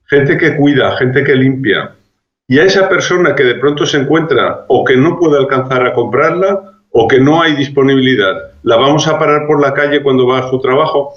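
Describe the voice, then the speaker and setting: A man at a middling pitch speaks as a public health expert in an interview, reasoning step by step with frequent restarts. The sound is roomy and dull, like a lo-fi remote link. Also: normal speed. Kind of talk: explanatory interview answers.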